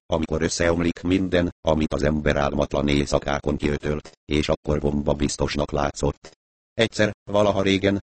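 A man reading a crime novel aloud as an audiobook narrator, in a calm, even storytelling manner, lightly acting out the dialogue. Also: deep voice, no room sound.

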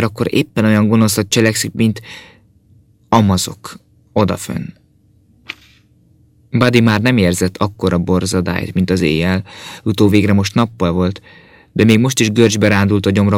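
Low-voiced man reading an audiobook. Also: no echo. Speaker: narrator. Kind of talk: audiobook narration.

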